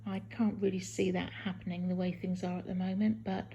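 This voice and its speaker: A woman talking casually in a halting video diary from a hospital room, sounding weak and tired and in some pain hours after surgery. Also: on the low side, flat delivery, mellow, slight background noise. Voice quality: husky, creaky. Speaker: patient recording a post-op video diary.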